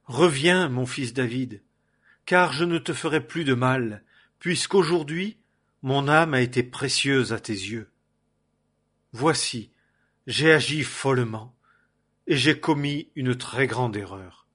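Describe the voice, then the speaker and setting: A man's voice: medium pitch, slow, fairly bright tone, breathy edge. A man voicing a remorseful older male king, contrite and raised.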